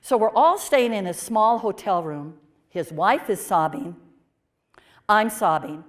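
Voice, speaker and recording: A woman's voice: medium pitch, a little slow, natural voice. Woman portraying a heartfelt pioneering nun. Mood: earnest. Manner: expressive, swings from emphatic to hushed. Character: pioneering 1830s nun recalling her calling, earnest. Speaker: performer of a historical portrayal. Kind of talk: first-person storytelling performance.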